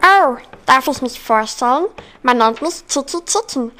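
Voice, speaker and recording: Vain little chick, prim and high, bright tone, a woman playing her. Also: animated, unhurried, heavily acted. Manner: prim, self-admiring.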